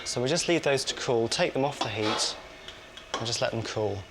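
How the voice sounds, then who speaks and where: Male cooking host, mid-pitched, chatty kitchen demo, clear kitchen noise behind. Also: moderate pace. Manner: chatty, talks while cooking and tasting. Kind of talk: cooking demonstration.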